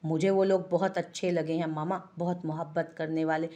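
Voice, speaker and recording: एक महिला कथावाचक एक शरारती, चिढ़ाने वाले युवा पति की आवाज़ पढ़ती है।. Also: female voice, low voice, flat delivery, moderate pace, mellow, close to an everyday voice. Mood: teasing. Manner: teasing, mock-innocent. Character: playful young husband teasing his wife. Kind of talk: audiobook character voice.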